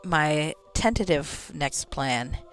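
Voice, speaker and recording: Faint music plays behind a mid-range, expressive and slightly bright voice that speaks slowly. It's a streamer casually narrating gameplay, rambling, cursing freely and talking to themself, with some game text read out.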